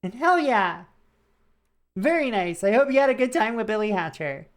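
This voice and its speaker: A woman's voice: a little high, animated, moderate pace. A woman hosting a video game livestream with casual, friendly chat in a cute anime-streamer manner. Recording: background music behind the voice. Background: music.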